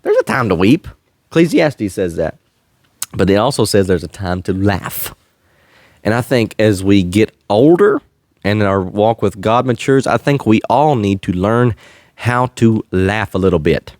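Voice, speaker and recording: A man's voice: fairly low pitch, animated, unhurried, a little mellow, no echo, studio quality. A man hosting a faith-based podcast, talking in an earnest, slightly preachy way and chuckling often. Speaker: podcast host. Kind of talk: faith-based casual chat.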